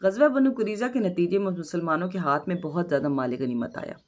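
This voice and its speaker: In a recorded lesson, a woman with a Pakistani Urdu accent teaches in a slightly low, darkish voice. She reads out word meanings slowly, stressing each one as she explains it to her students.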